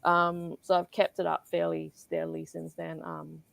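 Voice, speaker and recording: Guest writer, woman from Singapore: deep, heavy vocal fry, loose and filler-heavy delivery, dead dry sound. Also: completely flat delivery, normal speed, fairly bright tone, no echo. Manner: casual, many fillers, trailing asides. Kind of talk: conversational panel interview.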